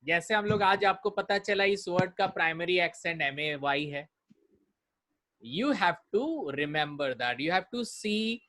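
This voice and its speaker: A man with an Indian English accent teaching pronunciation in an online class, drilling words slowly and mixing Hindi with English. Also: high-pitched, pushed and bright.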